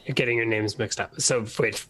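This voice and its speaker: A man's voice: lowish voice, fairly even intonation, fairly quick, a bit bright, a little hiss or hum. A man playing a tabletop game, chatting casually and thinking aloud with some hesitation.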